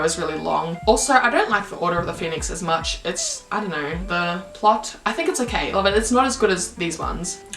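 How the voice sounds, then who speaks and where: A woman's voice: lowish voice, fairly bright tone. Young woman, book vlogger, gushing and chatty, roomy echo, faint music behind. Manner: gushing and enthusiastic, many fillers. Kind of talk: casual book review vlog. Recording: roomy home recording.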